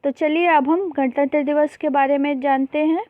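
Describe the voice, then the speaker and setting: Speaking at a normal speed with fairly even intonation, this woman has a high-pitched voice and no echo around her. She's a teacher patiently walking young children through a worksheet lesson in Hindi, often calling them beta and mixing in English terms. The voice-over sounds tinny, like a phone.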